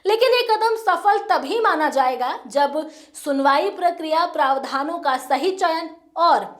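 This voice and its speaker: A woman presenting a news report, explaining new rules in a formal, measured way. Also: sits high, lively intonation.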